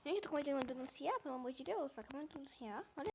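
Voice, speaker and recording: A young woman with a Brazilian Portuguese accent chatting excitedly while she plays an online game, reading chat and dropping into whispers. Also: high voice, very fast, vocal fry. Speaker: gaming YouTuber. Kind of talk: casual gameplay commentary. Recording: noisy home recording.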